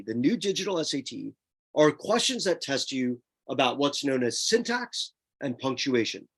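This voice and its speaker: A man tutoring students through a screen-share lesson, emphatic and repeating his key points as he talks straight to them. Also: mid-range voice. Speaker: test prep tutor.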